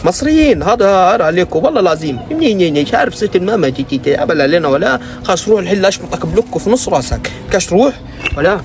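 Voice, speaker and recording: A man's voice: high voice, big pitch swings, very fast, noisy background. A man hosting a reaction video, ranting in mock outrage and exasperation. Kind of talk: comic reaction commentary.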